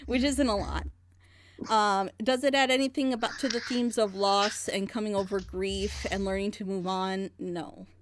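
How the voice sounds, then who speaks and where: With fairly even intonation and a mid-range voice, a woman talks a little slowly as she critically examines a plot twist during a group reaction show. Her analysis builds through rhetorical questions in the animated conversation. Background noise can be heard.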